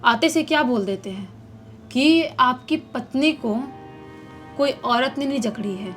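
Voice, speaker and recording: A woman's voice: high-pitched, animated, a little slow, a bit bright. A woman telling a true horror story in a casual, conversational way. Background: faint music.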